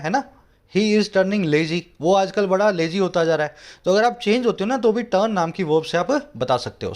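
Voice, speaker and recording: A man with an Indian English accent teaching English from a newspaper editorial, explaining each word and checking that his students follow. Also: high-pitched. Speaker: English tutor. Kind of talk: editorial reading lesson.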